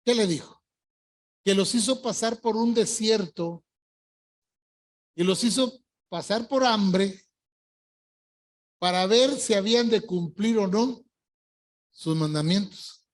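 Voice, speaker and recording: An older man preaching a church sermon as pastor, stressing words and drawing key phrases out slowly. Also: high-pitched. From Colombia. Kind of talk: evangelical sermon. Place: church service.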